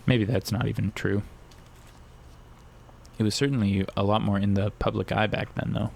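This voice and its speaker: A man's voice: on the low side, fairly even intonation, normal speed, vocal fry, a little mellow. A young man giving casual, rambling commentary while playing a video game, cracking crude jokes as he goes. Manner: rambling, joking, crude humor. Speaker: gaming streamer.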